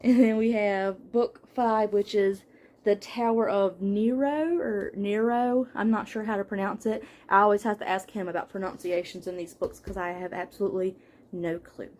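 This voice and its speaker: A young woman talks through her shelves in a relaxed, chatty way, reading off book titles one after another with the odd filler and soft laugh. Her voice sits at an ordinary middle pitch for a woman, recorded in a room at home. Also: moderate pace. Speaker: book vlogger. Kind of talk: casual book haul chat.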